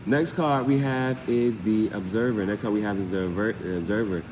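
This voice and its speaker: A man with a fairly low voice talks at a normal speed, hosting a casual, improvised live tarot reading. He often repeats phrases and scatters slang and sound words through his talk. The recording has a roomy, long reverb and clear, steady background noise.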